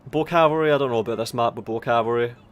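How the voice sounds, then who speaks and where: A man with an Aberdonian Scottish accent giving casual, sweary live commentary on a strategy game, thinking aloud in a halting way. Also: medium pitch. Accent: Aberdonian Scottish (Doric). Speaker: esports tournament commentator. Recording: background noise of game battle ambience. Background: strategy game battle sounds.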